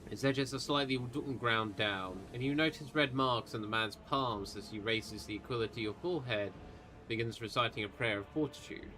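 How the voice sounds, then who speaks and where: A man's voice: mid-range voice, normal speed, pushed and bright. A man running a tabletop game as game master on a livestream, narrating scenes and asking questions with casual asides.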